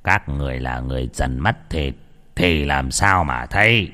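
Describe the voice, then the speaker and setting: A man voicing an old village shaman who gives stern, gruff orders slowly. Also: rumbling low, lively intonation, bright, forceful tone, voice pushed down, heavily acted. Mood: mocking. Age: older. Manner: slow, stern, gruff commands. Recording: long reverb.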